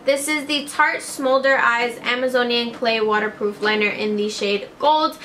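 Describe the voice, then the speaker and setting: On a low-quality recording with a little hiss or hum, a woman in her twenties vlogs about makeup in a small room strung with lights. Her voice runs high, bright and pushed at a moderate pace. The tone is upbeat and gushing, full of "like" and "obsessed."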